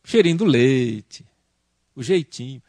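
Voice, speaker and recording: A man with a Brazilian Portuguese accent giving a lively church workshop talk on family, asking the audience questions and acting out family arguments. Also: mid-range voice, slow pace, no room sound. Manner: animated, acts out quoted family arguments. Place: church conference hall.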